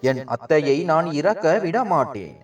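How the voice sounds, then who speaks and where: A man's voice: fairly high pitch, big pitch swings, a little slow, far from the mic, dull audio, faint music behind. A man voicing a grieving young nephew in a storybook, desperate and devoted.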